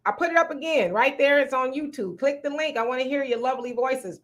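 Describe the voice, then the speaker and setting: Here a woman with a high-sitting, slightly bright voice hosts a livestream, talking a little fast. She reads out comments from viewers and responds frankly and playfully.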